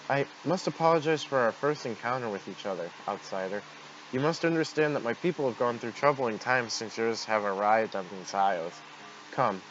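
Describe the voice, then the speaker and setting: A man voicing a solemn, grateful native creature in a game, speaking formally and with measured words. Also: medium pitch, close to an everyday voice. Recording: dull noisy home microphone.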